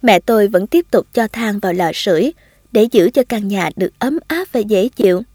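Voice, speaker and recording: A woman narrating a first-person story in a calm, expressive reading. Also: mid-range voice, normal speed, dry recording, clean studio sound.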